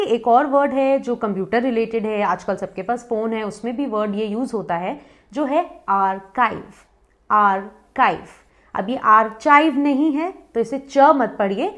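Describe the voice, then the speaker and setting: A young woman teaching English pronunciation in a lesson, repeating each word slowly and clearly. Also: fairly high pitch.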